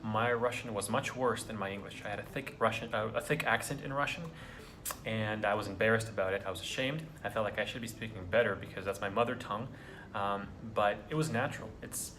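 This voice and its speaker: A young man from the US, with a lowish voice and background noise, talks earnestly to camera in a casual vlog. He encourages his viewers, though his speech is full of ums and restarts.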